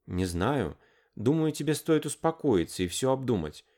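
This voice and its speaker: A man's voice: medium pitch, big pitch swings, moderate pace, darkish tone, voice pushed up. A man reading the part of a tired, mocking young woman, raising his voice a little for her. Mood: weary, exasperated. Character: weary, sharp-tongued young woman.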